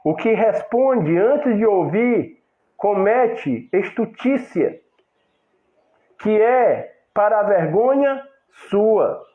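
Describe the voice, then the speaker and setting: A man preaching a sermon in a steady, instructive way. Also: sits high, drawn-out words. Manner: preachy, acts out couple's quarrels in quoted voices. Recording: echoey room over a tinny phone-like line.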